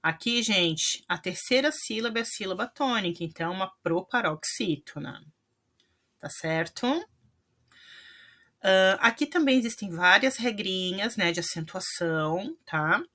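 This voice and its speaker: A woman's voice: medium pitch, animated, unhurried, fairly bright tone. A woman teaching a language lesson, explaining patiently and checking in often with her viewers. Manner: patient, explanatory, frequent "né" and "tá" tags.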